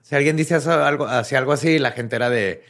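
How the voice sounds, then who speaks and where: A man's voice: medium pitch, fast talker, a bit bright. A man, co-hosting a casual podcast and adding joking comments. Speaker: podcast co-host.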